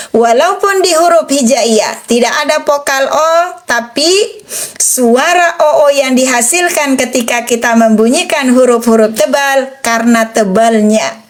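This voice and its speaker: A woman teaching Quran letter pronunciation in an online lesson, patiently repeating and drilling each sound. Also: fairly high pitch.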